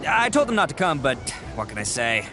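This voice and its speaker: A man's voice: medium pitch, sing-song, brisk, music in the background, lightly acted. A cocky young gang leader, voiced by a man, all swagger and bluster. His voice swings widely up and down as he brags, then trips over his own words when cornered. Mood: flustered. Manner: loud, blustering, stammers when caught out. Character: brash young male gang boss, boastful and hot-headed. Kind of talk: video game dialogue.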